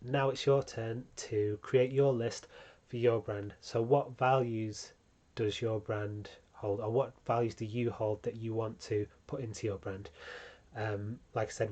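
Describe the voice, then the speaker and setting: A man hosting a branding tutorial, talking casually with frequent ums and small restarts. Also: medium pitch. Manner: relaxed, many ums, self-correcting. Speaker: channel host teaching branding.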